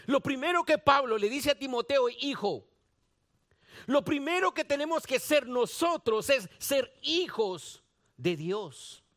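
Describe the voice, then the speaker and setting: A man with a Guatemalan Spanish accent preaches a sermon in a very high, bright voice. He speaks slowly and deliberately, repeating phrases for emphasis and putting direct questions to his listeners. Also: expressive. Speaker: pastor.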